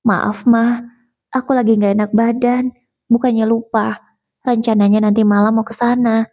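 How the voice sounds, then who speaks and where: A woman's voice: on the high side, flat delivery, normal speed, dry recording, lo-fi sound, close to an everyday voice. Woman playing a heartbroken young wife, voice trembling. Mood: hurt. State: voice trembling, near tears.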